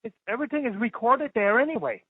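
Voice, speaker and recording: A man speaking as an inmate on a recorded prison phone call, answering in halting, hesitant bits. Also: very high-pitched, slightly rough, no echo. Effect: prison phone line. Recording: tinny prison phone line.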